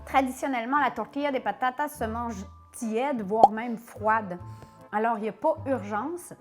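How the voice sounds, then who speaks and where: A woman's voice: on the high side, normal speed, over loud music. A woman hosting a cooking tutorial, chatty and playful as she talks to viewers in a home kitchen. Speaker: cooking show host.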